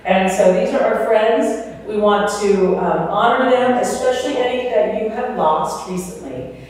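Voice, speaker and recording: A woman's voice: mid-range voice, measured pace, darkish tone. A woman giving casual, upbeat announcements to a congregation in a chatty, informal way. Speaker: announcements host, speaker team member. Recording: echoey hall from far off.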